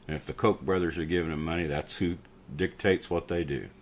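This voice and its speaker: A man's voice: deep voice, steady tone, brisk, a little hiss or hum. A middle-aged man ranting bitterly and profanely in a casual podcast conversation. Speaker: podcast co-host. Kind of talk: casual political rant.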